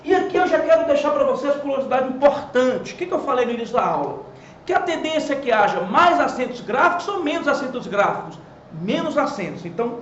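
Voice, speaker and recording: A man with a Brazilian accent teaching a lively grammar lesson at a whiteboard. He asks questions and answers them himself, and stresses key words. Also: extremely high pitch, roomy sound, lo-fi sound, a little hiss or hum. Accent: Brazilian Portuguese. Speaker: Portuguese teacher.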